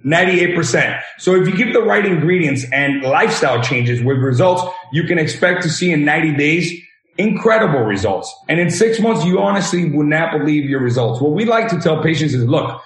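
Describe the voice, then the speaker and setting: As a guest giving interview answers, a man in his thirties from Venezuela earnestly explains his health practice, relying on examples. He speaks a little fast in an expressive voice on the high side, with roomy echo around him.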